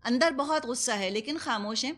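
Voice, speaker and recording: A woman's voice: a little high, a bit bright. A woman with a Pakistani Urdu accent giving a Quran commentary lesson, explaining patiently with everyday examples and dropping English words into her talk. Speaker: Quran teacher.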